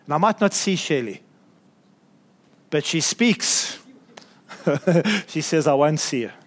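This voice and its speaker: A man's voice: fairly high pitch, expressive, moderate pace. A man preaching a sermon to his congregation in a church, earnest, with chuckles and asides. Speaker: pastor.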